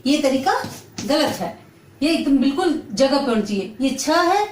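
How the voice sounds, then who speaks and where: A woman teacher explaining a children's lesson slowly, drawing out each syllable. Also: sits high, animated, reverberant, distant mic. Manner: slow, drawn-out syllable-by-syllable explanation.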